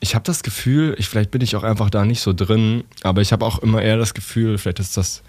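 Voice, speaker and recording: Low-voiced, chatty young radio host. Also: male voice, quick pace, breathy edge, dry recording. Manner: relaxed, chatty, many fillers. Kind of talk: casual radio interview. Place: radio studio. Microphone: studio microphone.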